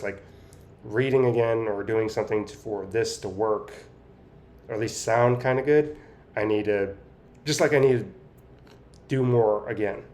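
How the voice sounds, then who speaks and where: A man giving a casual, halting personal update, with effortful, impaired articulation as he talks biting down on a straw held in his teeth. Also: fairly low pitch, a little mellow, slight background noise. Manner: talking through clenched teeth, biting on a straw. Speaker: vlogger sharing speech progress.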